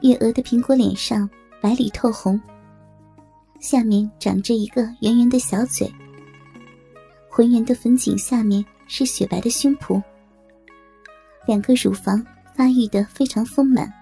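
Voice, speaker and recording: A woman tells a historical tale with a steady, even-paced reading. Her voice sits a little high and mellow, with a soft breathy edge. Faint music plays underneath. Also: measured pace, long pauses. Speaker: storyteller. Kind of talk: scripted narration of a historical tale.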